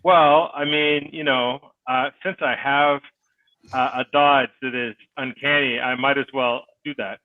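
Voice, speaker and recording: A man's voice: medium pitch, fairly even intonation, unhurried, no echo, phone-quality sound. A man playing a tabletop game, casual and playful in the way he talks. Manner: joking, playful. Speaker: player.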